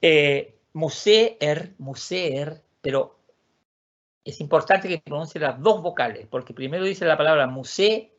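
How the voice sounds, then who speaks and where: A man teaching a class online, repeating words slowly to model their pronunciation. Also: on the high side. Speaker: Swedish teacher. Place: lives in Sweden. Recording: lo-fi muffled audio.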